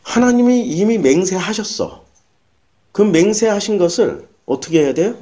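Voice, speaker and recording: Man preaching, high voice, mellow tone, questions and answers himself, acts out quotes. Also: lively intonation, normal speed. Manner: asks the congregation questions and answers them himself; acts out short quoted lines in a dropped voice. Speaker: pastor. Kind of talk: sermon.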